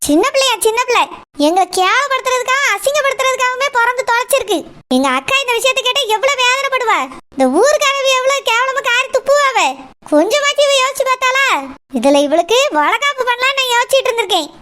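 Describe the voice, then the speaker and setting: A woman's voice: very high voice, expressive, fast talker, sharp tone, full character voice. Woman voicing a furious scolding cartoon mother. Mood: angry. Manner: harsh, ranting, scolding. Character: furious middle-aged mother, scolding and bitter. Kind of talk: cartoon voice acting.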